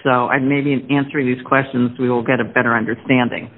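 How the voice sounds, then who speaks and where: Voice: medium pitch, level tone, fast. A presiding judge questioning counsel in an informal, plain-spoken way. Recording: thin phone-like courtroom audio.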